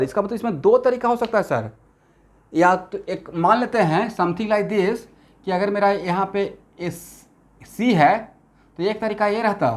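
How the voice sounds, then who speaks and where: In a classroom lecture, a male chemistry tutor with a slightly high voice quizzes his students, questioning them constantly. He speaks Hindi with an Assamese-influenced accent, mixing in English terms.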